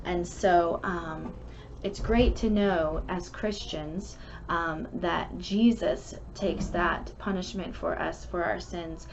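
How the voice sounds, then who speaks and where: Her voice sits on the low side, with fairly even intonation, and she takes things slowly. As a storybook reader hosting a kids' club, she reads a rhyming picture book aloud, then explains it casually to children in an earnest, instructive manner. The audio is muffled lo-fi with faint background noise.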